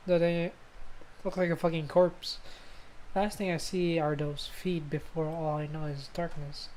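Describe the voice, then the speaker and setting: Over loud game music, a woman in a livestreamed let's play reads story narration and wanders into casual asides, now and then fumbling her words. Her voice is low-pitched, steady and unhurried, and the poor audio carries a little hiss or hum.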